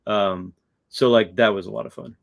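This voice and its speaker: A man hosting a casual chat, reflective and hesitant, often pausing with fillers. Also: on the low side, steady tone, gravelly. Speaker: host.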